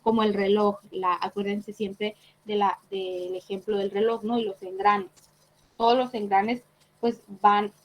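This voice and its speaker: A woman's voice: medium pitch, little pitch movement, a little slow, slight background noise, low-quality recording. A woman teaching an online class, explaining patiently and checking in with short tag questions. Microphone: computer mic on a video call.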